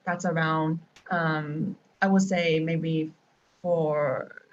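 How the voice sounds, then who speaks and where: A traveling teacher, a young woman, speaks very slowly in a low-pitched, steady voice as a guest on a live-stream video chat. She chats casually from her home in Taiwan, with lots of ums and restarts, and the audio is dull and lo-fi.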